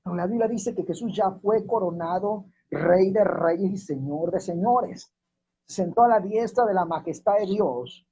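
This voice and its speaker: A man preaching a sermon as minister, slowing down and repeating verses to drive his points home. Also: high-pitched, warm tone. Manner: slows and drops his voice to stress key words, repeats verses. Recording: dull lo-fi recording.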